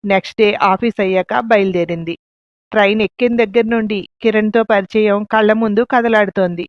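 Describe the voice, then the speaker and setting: A woman narrating a family drama story in a calm, measured way. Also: mid-range voice, no echo. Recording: dull lo-fi, dry.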